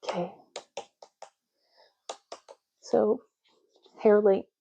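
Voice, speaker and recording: On a muffled recording, a woman with a creaky, medium-pitched voice and a steady tone performs a soft-spoken ASMR roleplay. Her speech is slow and casual, with words deliberately repeated.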